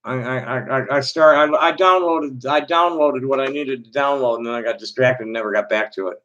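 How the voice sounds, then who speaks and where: A middle-aged man from Chicago rambling casually to his chat, halting with frequent restarts and fillers. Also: mid-range voice, fairly bright tone, highs cut off. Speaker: live stream host.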